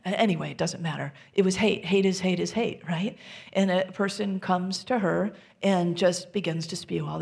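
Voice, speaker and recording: Gentle woman preaching, gravelly low voice. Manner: gentle, reflective, drops into soft whispers. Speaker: minister. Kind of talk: sermon.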